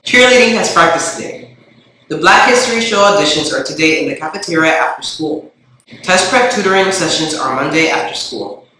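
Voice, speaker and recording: A man's voice: on the high side, animated, a little fast, pushed and bright. A man reading a list of school announcements, heard over a school intercom. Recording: echoey intercom with faint background hiss.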